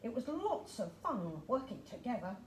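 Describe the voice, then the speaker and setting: A woman voicing a kind, lively female tooth fairy in a read-aloud storybook, bright and excitable. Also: on the high side, normal speed, slight background noise. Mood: grateful. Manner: bright, excitable, hushed at times. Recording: roomy echo.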